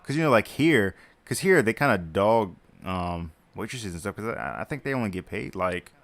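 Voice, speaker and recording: A man's voice: fairly low pitch, sing-song, normal speed, a bit bright. A tired man hosting a live stream, chatting casually and rambling with lots of fillers and restarts while he builds a model kit.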